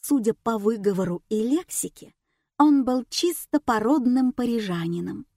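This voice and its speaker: A woman narrating a comic story in the first person, with a lively, expressive reading. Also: on the high side, moderate pace, dry recording, studio quality. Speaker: audiobook narrator.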